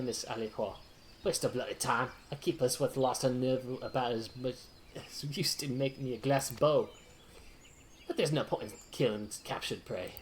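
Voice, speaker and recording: A streamer voicing a scornful rival archer, gruff and mocking, reading game dialogue aloud. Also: medium pitch, a bit bright, slight background noise, natural voice.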